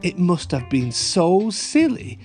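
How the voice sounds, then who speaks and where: A man's voice: high voice, very animated, slow, a little mellow. A man narrating a children's story like a kids show host, cheerily addressing young listeners, with guitar music behind him.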